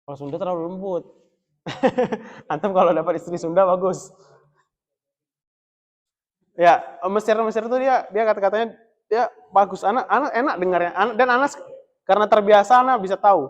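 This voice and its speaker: Joking male teacher, slightly high voice. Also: normal speed, long pauses, lo-fi sound. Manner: relaxed, joking, chuckles often. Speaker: Islamic teacher teaching Arabic. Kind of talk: casual classroom lesson. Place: mosque study room.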